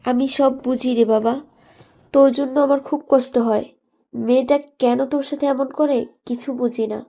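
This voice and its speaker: A woman voicing a kind, caring middle-aged aunt in an audio story, speaking gently and like a mother. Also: sits high, steady tone, unhurried. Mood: tender. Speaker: narrator's aunt. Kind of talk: audio drama acting.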